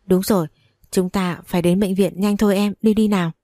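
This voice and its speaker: A woman's voice: medium pitch, fairly even intonation, a little fast, warm tone, dry recording, clean studio sound, lightly acted. A woman reading a story aloud, voicing a flustered, panicky young husband who stammers and repeats himself.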